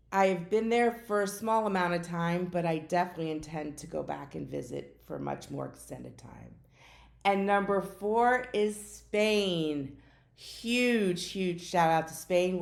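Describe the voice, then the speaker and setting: A woman from the United States talks through her solo podcast in a chatty, unedited way, stumbling over words now and then. Her voice sits low with a gravelly edge. The room around her has a noticeable echo. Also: a little mellow. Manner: chatty, self-correcting, tongue-tied at times. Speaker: podcast host. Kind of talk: casual solo podcast talk. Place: home in Florida. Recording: echoey room.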